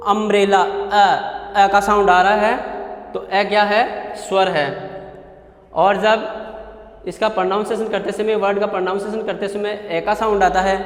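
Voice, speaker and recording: A man with a Hindi accent teaches a classroom grammar lesson in a high voice. He explains patiently, repeating each point and drawing sounds out. The recording is roomy, with a long reverb tail. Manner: slow, repetitive explaining, stretching out sounds. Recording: echoey room with long reverb.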